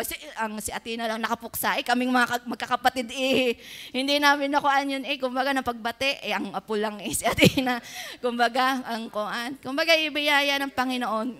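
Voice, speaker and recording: A woman's voice: high voice, pushed and bright, clean tone. A woman from the Philippines giving a casual church testimony, chatty and laughing often as she quotes family members.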